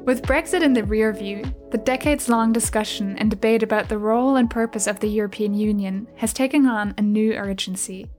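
A woman hosting a podcast, reading a smooth, even scripted introduction and asking interview questions. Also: mid-range voice, a little fast, few pauses, faint music behind. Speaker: podcast host.

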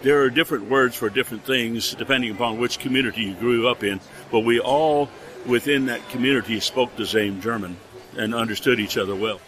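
An older man, a retired teacher, explaining things in a measured way during an interview outdoors. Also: mid-range voice, a bit bright. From Texas.

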